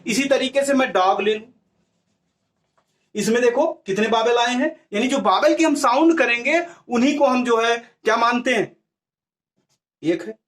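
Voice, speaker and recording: A man's voice: very high voice, measured pace, pauses often, fairly bright tone. A man teaching a grammar lesson. He asks his class questions, answers them himself and repeats the key words.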